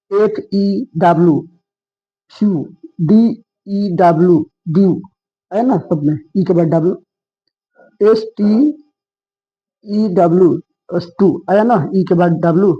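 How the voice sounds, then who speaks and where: A fairly high-pitched man gives an English lesson at an unhurried pace. His voice is a little husky, and the recording sounds muffled and lo-fi. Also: fairly even intonation. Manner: slow, patient, repeats each rule. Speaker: English teacher. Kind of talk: spoken lesson spelling out words. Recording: dull lo-fi sound.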